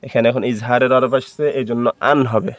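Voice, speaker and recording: A man with a Bangladeshi Bengali accent teaching Quran reading, spelling out each letter and vowel mark one by one, then reciting the words slowly and drawn out. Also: mid-range voice, steady tone, no room sound.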